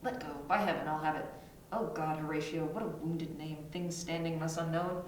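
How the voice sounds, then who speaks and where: A woman's voice: fairly low pitch, moderate pace. A woman voicing a bitter, dying young prince in an amateur read-through of a Shakespeare play, fading yet urgent, sometimes stumbling over the lines. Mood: weary, fading. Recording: echoey room, distant mic, noisy.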